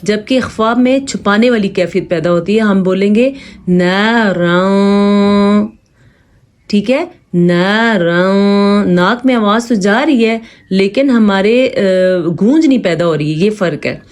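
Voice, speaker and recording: In this patient Quran recitation lesson, a woman with a Pakistani Urdu accent explains each step plainly and slows down to draw out verses as examples. Her mid-range voice is animated and a little mellow.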